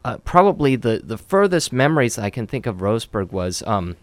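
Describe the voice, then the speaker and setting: A man's voice: mid-range voice, big pitch swings, brisk, dry recording. A man from Oregon answering interview questions about his job as a city communications specialist, in an upbeat, chatty way with many fillers.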